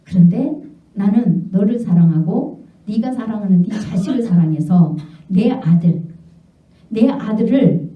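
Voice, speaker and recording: A woman's voice: medium pitch, animated, measured pace, natural voice. A woman pastor voicing God as a stern, loving father who rebukes firmly in a sermon. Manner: firm, solemn rebuke. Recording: echoey hall, distant mic, dull sound.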